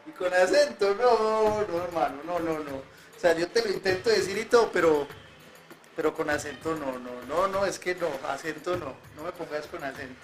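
A man delivers comic, emphatic banter in a high voice. He protests loudly, then slips into explaining math. Light music plays behind him. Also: normal speed. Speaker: guest in a comic math segment.

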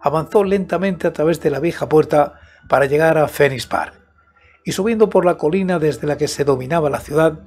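A man in his seventies narrating a horror tale in a slow, deliberate, measured storytelling manner, close on a studio microphone. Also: on the high side, darkish tone. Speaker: audiobook narrator and host of a horror story show. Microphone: close studio microphone with headset monitoring. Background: background music.

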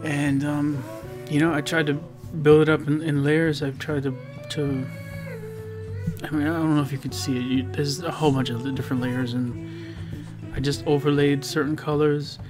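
A man talks through his digital painting in a loose, rambling voice-over, stumbling over his words and teasing himself. His voice sits a little on the higher side. Guitar music plays clearly behind him. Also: little pitch movement, normal speed. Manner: rambling, filler-heavy, self-deprecating. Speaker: digital painter and video host. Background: background guitar music.

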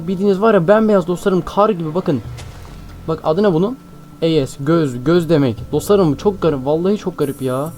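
Young male let's-play host, rapid and edgy, a little high, dark mellow tone, faint music under him. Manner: excitable, jumpy, keeps addressing viewers as friends. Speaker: gaming channel host. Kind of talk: Minecraft let's-play commentary.

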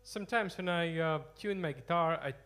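Between songs on a theater stage, a young Latvian singer-guitarist talks to the audience through a stand mic, with guitar in the background. His voice is on the high side, a bit bright and moderately paced, and he comes across as hesitant and self-deprecating, saying "um" a lot.

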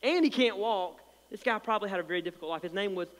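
A male pastor preaching a sermon with a slight lisp, swinging from loud passionate swells to quiet, soft asides and repeating words as he builds. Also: high-pitched, quick pace, in a large hall. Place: church sanctuary.

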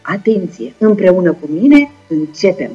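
A young woman with a Moldovan Romanian accent teaches first graders in a video lesson. She speaks slowly and encouragingly, and she breaks words into syllables with a somewhat husky voice. The recording is dull and lo-fi, with faint music underneath. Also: fairly low pitch, big pitch swings, mellow. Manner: slow, clear, encouraging, spelling words out syllable by syllable. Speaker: primary school teacher.

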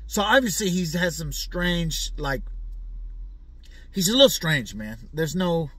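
A man talking in a loose, rambling commentary style, with a slightly high and husky voice. He fills gaps with "uh" and keeps asking the listener for agreement. The sound is dry and close, with no room around it. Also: lively intonation, unhurried, fairly bright tone, no room sound. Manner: rambling and slangy, many fillers and asides; asks the listener for agreement again and again. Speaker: show host. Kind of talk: casual commentary on celebrity news.

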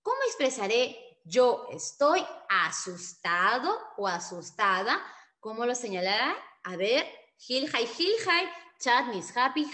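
Woman, language teacher, bright clear tone, slow careful delivery. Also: on the high side. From Peru. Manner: slow, drawn-out model pronunciations with patient explanations; sprinkles encouraging Quechua words into Spanish. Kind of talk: online language lesson.

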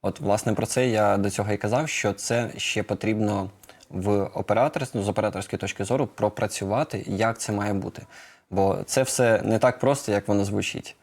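A man's voice: on the low side, fairly quick, darkish tone. A man answering questions as a studio guest in a live interview, hesitant with many filler sounds. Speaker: production head of a drone maker, guest.

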